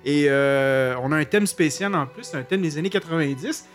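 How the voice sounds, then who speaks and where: A radio show host with a Québécois French accent leads a casual chat, joking, laughing at his own puns, and using lots of fillers. His voice is fairly high at a moderate pace, with faint music playing behind him.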